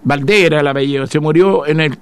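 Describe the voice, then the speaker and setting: A man's voice: fairly high pitch, fast, smooth. An older man, hosting a radio show in a chatty, reminiscing way from a studio. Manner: chatty, reminiscing, laughs at own jokes. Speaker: radio host. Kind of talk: casual radio chat.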